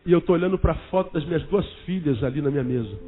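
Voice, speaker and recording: A pastor telling a story in a dramatic sermon, swinging from loud to hushed. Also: male voice, fairly high pitch, fast. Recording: phone-like sound with faint music.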